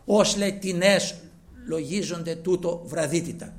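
A man preaching a sermon with passion, calling his listeners brothers, moving from loud emphasis to near whispers. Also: sits high.

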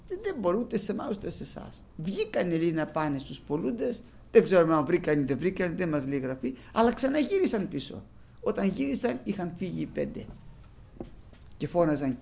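A man's voice: high-pitched, gravelly, a little mellow. A middle-aged man preaching a sermon, telling stories emphatically and with dramatic outbursts. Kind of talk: Pentecostal sermon.

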